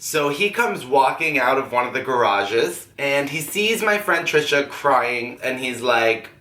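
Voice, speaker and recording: Bright-voiced young man in an echoey room. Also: medium pitch, sing-song, measured pace. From United States. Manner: candid, chatty, acts out quotes. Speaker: vlogger. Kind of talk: personal storytelling vlog.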